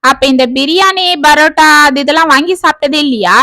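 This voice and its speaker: A caring young working man, voiced by a woman reading the story, speaking earnestly and a little pleadingly. The voice stays high, with a dry, close sound. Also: fairly quick, sharp tone, no echo.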